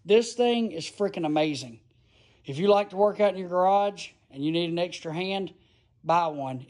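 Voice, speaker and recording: High-voiced man reviewing a tool. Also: a little mellow. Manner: enthusiastic, folksy, rambling explanations. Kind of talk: casual phone-filmed tool review. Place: outdoors in a gravel yard, then a garage. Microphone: phone camera held in hand.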